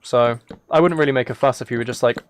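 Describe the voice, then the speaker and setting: During a live gaming stream, a man chats casually with viewers in a relaxed, soft-spoken, mid-pitched voice, talking fast and thinking aloud as he rambles. Keyboard typing is audible, along with a faint hiss or hum.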